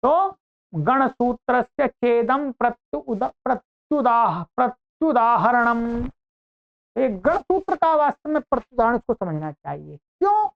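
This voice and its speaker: Woman Sanskrit grammar teacher, high and unhurried, patient explanatory delivery, dull lo-fi audio. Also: big pitch swings, gravelly. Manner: slow, explanatory, repeats points with "ठीक है". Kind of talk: online grammar lecture.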